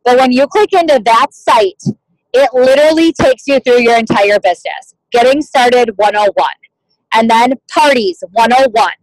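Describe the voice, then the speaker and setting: A woman with a high, bright-pitched voice runs a motivational team meeting, chatty and casual, peppering her talk with "like" and "you guys". The sound is close and dry, as if from a computer mic on a video call. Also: dry recording, low-quality recording. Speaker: team leader at a sales meeting.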